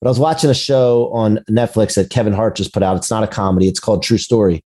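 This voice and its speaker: The business podcast host speaks quickly in a lowish, warm voice with a steady tone. Recorded over a video call, he keeps things conversational and motivational, leaning on entrepreneur buzzwords.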